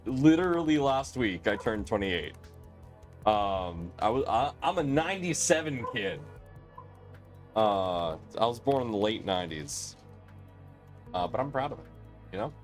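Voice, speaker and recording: A man's voice: lowish voice, big pitch swings, measured pace, pauses often, faint music behind. A man in his late twenties hosting a casual live stream, rambling and chatty with lots of fillers and restarts. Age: 20s.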